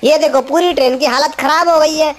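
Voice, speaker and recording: A woman with a high voice narrates toy play for small children. She talks to each toy in an animated way, by turns scolding and cooing at it. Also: brisk. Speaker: toy channel host.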